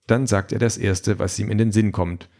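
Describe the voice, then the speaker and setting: Lowish male audiobook narrator. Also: steady tone, normal speed, darkish tone. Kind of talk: scripted narration.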